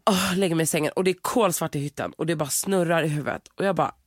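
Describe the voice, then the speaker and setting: A woman's voice: low voice, no room sound, clean studio sound. A young woman hosting a podcast, telling a story dramatically and laughing through it. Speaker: podcast host. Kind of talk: animated storytelling.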